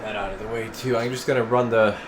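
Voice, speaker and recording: This technician's voice is on the low side, and he moves quickly as he walks through a tuned-up CB radio in an informal repair demo, thinking out loud along the way. There's a constant air conditioner hum, though the recording itself is clear.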